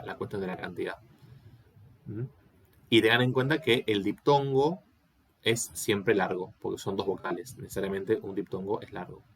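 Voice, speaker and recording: A man's voice: on the low side, a little hiss or hum. A man giving an online Latin class, explaining step by step and often checking that students follow. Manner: patient, explanatory, asks checking questions. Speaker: Latin teacher.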